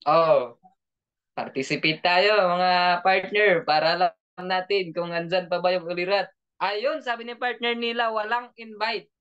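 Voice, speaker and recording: A man's voice: high-pitched, fairly even intonation, measured pace, a bit bright, clear, resonant tone. A man coaching an online training session, joking, laughing often and keeping his listeners engaged with questions. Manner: joking, laughs often, keeps asking the audience. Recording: dull lo-fi audio.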